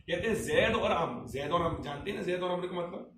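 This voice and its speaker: Heard through a distant mic in an echoey room with faint ambience and slight background noise, a male Islamic cleric speaks fast in a high, somewhat bright voice. He drives home a religious point forcefully, questioning his listener again and again.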